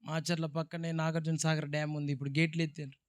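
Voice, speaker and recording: A male pastor preaching a dramatic sermon, swinging between hushed and loud. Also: fairly high pitch, little pitch movement, fast.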